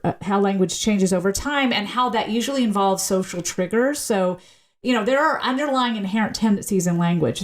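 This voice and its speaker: A woman sociolinguist explaining language as a guest in a podcast interview, spelling words out slowly and laughing easily. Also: medium pitch. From United States.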